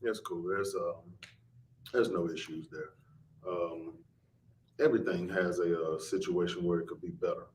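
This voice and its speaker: A man's voice: low-pitched, fairly even intonation, normal speed, pauses often, darkish tone, distant mic. A man co-hosting a podcast, chatting casually, laughing and repeating himself. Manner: laid-back, laughs often, repeats himself. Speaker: podcast co-host. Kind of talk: casual chat. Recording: roomy echo, off-mic, faint hiss.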